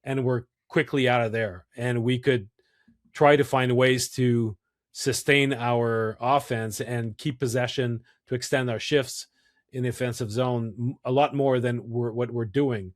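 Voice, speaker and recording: A man co-hosting a hockey podcast, analyzing in a thoughtful, halting casual way. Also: mid-range voice, fairly even intonation. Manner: thoughtful, restarts and hesitations.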